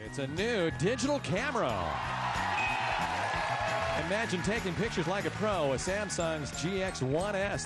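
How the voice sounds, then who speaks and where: A man performs a booming, excited prize announcer for a game show video game. His pitch sits high and swings widely as he sells each item. Music plays behind him. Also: natural voice.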